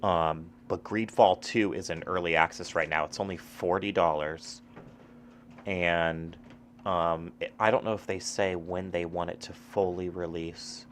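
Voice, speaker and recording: A man's voice: deep voice, steady tone, a little slow, a little hiss or hum. A man chatting casually about video games as a streamer, swearing often and rambling with lots of fillers. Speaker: gaming streamer. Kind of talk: casual gaming chat.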